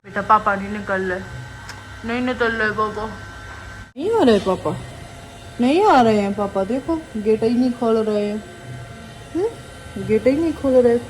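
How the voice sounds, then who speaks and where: A young vlogger and mother from Bundelkhand, India, with a Bundeli accent, films a casual family vlog at her village home, chatting and teasing as she talks to and about her children. Her voice is a little high and expressive, unhurried, with frequent pauses and slight background noise.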